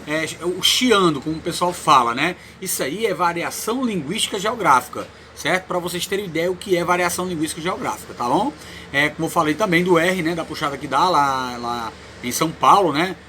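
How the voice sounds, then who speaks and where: A man with a Cearense Brazilian accent teaching a Portuguese lesson, explaining slowly and checking in with "né?" after nearly every phrase. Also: fairly high pitch, bright, forceful tone, slight background noise. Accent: Ceará, Brazil. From Ceará, Brazil. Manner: explains slowly, tags lines with "né?", repeats words. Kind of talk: recorded online lesson.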